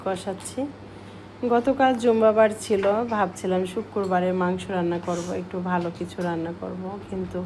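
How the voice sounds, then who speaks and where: Slow-spoken woman with a cold. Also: on the low side, noisy background. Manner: slow, soft-spoken explaining. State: short of breath from a cold. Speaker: cooking vlogger. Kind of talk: casual cooking voice-over.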